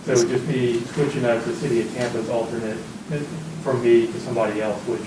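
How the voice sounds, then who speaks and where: A man speaking at a board meeting, plain and slightly halting as he explains. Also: mid-range voice, little pitch movement. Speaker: board member. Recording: echoey distant room pickup, noisy.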